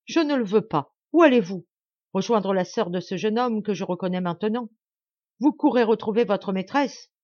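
A woman's voice: mid-range voice, expressive, normal speed, darkish tone, no room sound, pitched above the performer's own voice, natural voice. A woman voicing a frantic, jealous young bride who speaks shrilly, in a dull lo-fi home recording. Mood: exasperated.

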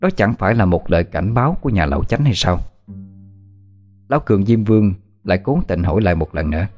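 A male storyteller narrating a dark folk tale in a low voice, steady and dramatic in delivery. Faint music runs beneath his narration. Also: fast talker.

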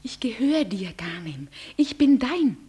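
An actress playing a frightened young bride who pleads in a breathy, often whispered voice, in a classic radio play. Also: female voice, a little high, sing-song, measured pace, dark tone, exaggerated voice. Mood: pleading. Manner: pleading, trembling.

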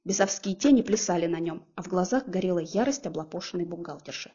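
A woman narrating a first-person audiobook in a lively, expressive storytelling manner. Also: on the low side, fast, husky, dull audio.

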